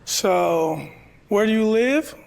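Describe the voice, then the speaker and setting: A man in his thirties from North Carolina, a dating show contestant who talks in a relaxed, hesitant way with ums. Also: high voice, takes it slowly, vocal fry. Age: 30s. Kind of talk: casual chat.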